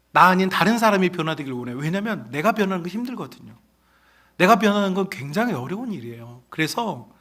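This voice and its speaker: Emphatic male pastor, raised pitch. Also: fairly bright tone. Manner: emphatic, often addresses the congregation directly. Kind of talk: sermon.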